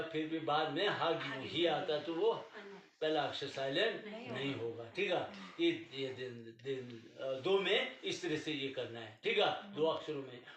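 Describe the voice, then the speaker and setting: A man's voice: on the high side, fairly bright tone. A man teaching a language class, patiently explaining pronunciation rules and checking often that his student follows. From Tibetan community. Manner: patient, repeats "ठीक है" to check understanding. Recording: echoey room, mic far off.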